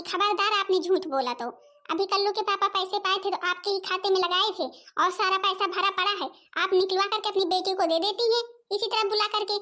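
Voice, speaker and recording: A woman voices a fiery village mother and daughter-in-law in a home-made cartoon. She argues in a combative, rapid-fire way with a very high voice. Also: fairly bright tone. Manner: combative, quarrelsome.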